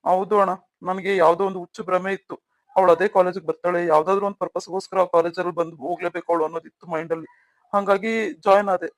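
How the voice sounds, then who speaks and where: A man's voice: high-pitched, flat delivery, racing, dry recording, natural voice. A man voicing an earnest young married man who pleads with his elder brother in a cartoon story. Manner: pleading, emotional.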